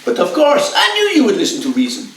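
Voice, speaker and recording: A man's voice: very high-pitched, wildly swooping pitch, fast talker, a bit bright, full character voice. A man playing a scheming con man who puts on a French accent, performed in an amateur stage play. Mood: smooth blackmail. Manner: put-on French accent, then plain English when alone with his accomplice. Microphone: distant room mic. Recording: echoey stage from far off, noisy.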